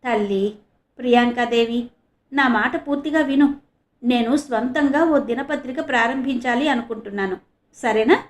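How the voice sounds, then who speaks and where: A woman's voice: a little high, normal speed, close to an everyday voice. A woman voicing a hopeful young male reporter in an audio novel, reading his lines eagerly. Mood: earnest.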